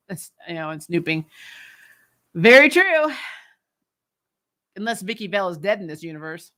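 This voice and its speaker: A woman with a mid-range, slightly bright voice hosts a TV recap show. She chats casually and bluntly, answering live comments with strong, exasperated, sweary fan opinions.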